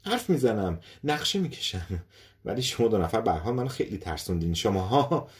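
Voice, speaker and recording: A man's voice: fairly low pitch, sing-song. A man voicing an eccentric male scientist who mutters to himself and talks with nervous cheer, in an audiobook story. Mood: nervously chatty.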